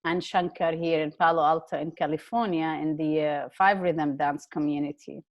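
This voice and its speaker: A woman who works as a peace activist and therapist, speaking in a reflective, halting way with pauses and fillers. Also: deep voice, steady tone, muffled recording. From Palestinian, raised in Jordan. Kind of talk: casual conversation.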